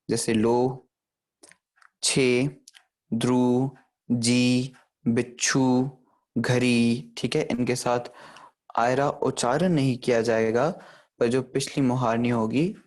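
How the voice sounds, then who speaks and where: A man teaching the pronunciation of scripture in a recorded lecture, explaining slowly and repeating each word. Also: medium pitch, darkish tone. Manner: explains slowly, repeats words, often asks "theek hai". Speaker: Gurbani grammar teacher.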